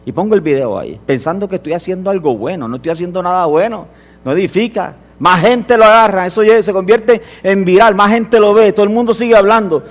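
Male preacher, high-pitched, impassioned sermon delivery, builds to emphatic peaks. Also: fairly quick. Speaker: pastor.

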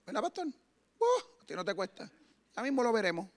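A man preaching a sermon with fervor, moving from hushed stretches to loud exclamations. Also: high voice, huge pitch swings, normal speed. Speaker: guest preacher.

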